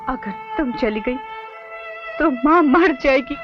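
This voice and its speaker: A pleading young daughter, highish voice, dull old film sound. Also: female voice, animated, takes it slowly, music in the background. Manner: earnest, pleading.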